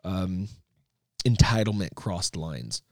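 Rambling low-voiced man, casual chat. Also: big pitch swings, slow, no echo, studio quality. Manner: rambling, self-correcting storyteller. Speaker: podcast co-host. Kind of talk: casual conversation.

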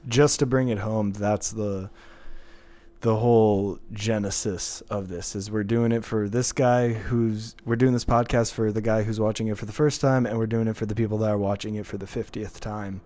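Guy hosting a podcast, talks fast and animated, reads out comments. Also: on the low side. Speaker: podcast host. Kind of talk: casual podcast chat.

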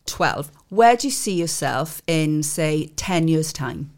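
A woman's voice: deep voice, animated, unhurried, darkish tone. A woman, a youth theatre tutor chatting with and coaxing young members in a casual interview.

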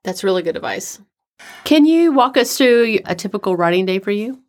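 A woman's voice: medium pitch, lively intonation, moderate pace. A woman hosting a podcast in a friendly, conversational interviewing style. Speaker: podcast host.

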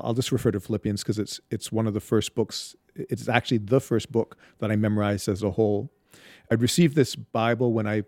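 Halting, reflective man with dry sound. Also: on the low side, darkish tone, dry recording. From Barbados. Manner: halting, many restarts and fillers. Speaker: guest, Bible storyteller. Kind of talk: reflective interview talk.

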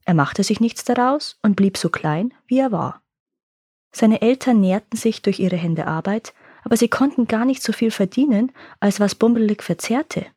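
A woman reading a fairy tale aloud in a calm, lively storytelling manner that slows for suspense. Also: medium pitch, breathy edge, no echo, clean studio sound.

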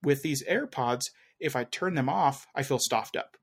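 A man with a slightly rough, mid-range voice speaks at a moderate pace in a casual tech podcast chat where he co-hosts. He tends to ramble and hesitate, correcting himself often as he reaches for words.

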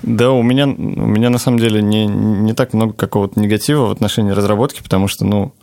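A man with a low voice answers in a casual interview. He explains things like a team lead, softening his points with hedges. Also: fairly even intonation, fast, vocal fry. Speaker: design lead being interviewed.

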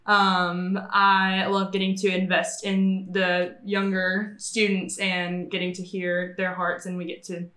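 A nineteen-year-old woman talking earnestly about church youth ministry on a podcast. Her voice stays flat, with little rise and fall. The room is echoey. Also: mid-range voice, takes it slowly, hardly any pauses. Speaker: student ministry staff. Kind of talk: casual podcast conversation.

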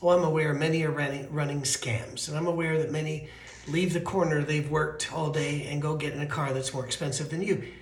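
American male pastor, thin weak voice a bit high, conversational storytelling sermon, roomy echo. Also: steady tone, a little fast. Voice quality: thin, weakened voice. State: voice weak from allergies. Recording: roomy, echoing sound.

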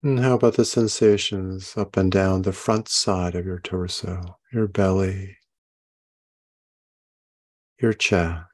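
A man leading a guided meditation, giving gentle, unhurried instructions and soft questions. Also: deep voice, steady tone. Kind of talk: guided meditation, body scan.

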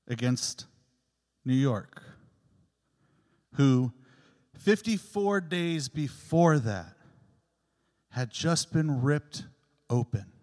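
Earnest preaching man with cathedral echo. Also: a little high. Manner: reflective storytelling, personal and earnest. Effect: long cathedral echo. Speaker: homilist. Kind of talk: reflective sermon. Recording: long church reverb.

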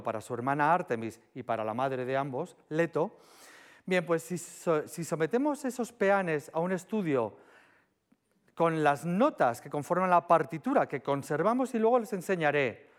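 A man giving a public lecture on Greek philology in a chatty, animated way, talking straight to the audience. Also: a little high. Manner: animated, chatty, sings short demo syllables.

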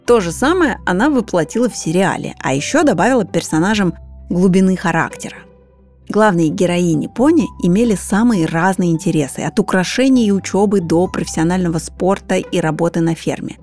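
Female documentary narrator with a lower register, explanatory scripted read over soft background music. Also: a little fast.

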